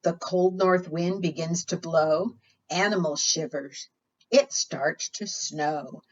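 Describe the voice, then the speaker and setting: At a preschool storytime, a woman with a lowish voice reads aloud slowly and expressively, questioning her young listeners along the way. The recording has a dull, lo-fi quality.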